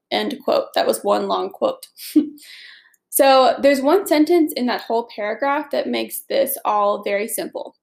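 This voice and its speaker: A woman's voice: a little high, vocal fry, a little mellow. A young woman with a stuffy, nasal voice hosting an upbeat, chatty study podcast lesson. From Atlanta, US South. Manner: upbeat and chatty, laughs easily. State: stuffy, congested. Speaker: podcast host.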